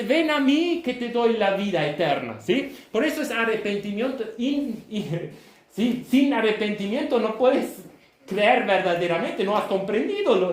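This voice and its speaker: A man preaching a sermon, emphatic and half shouting, often checking in with listeners. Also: very high voice. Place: church hall. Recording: echoey church room.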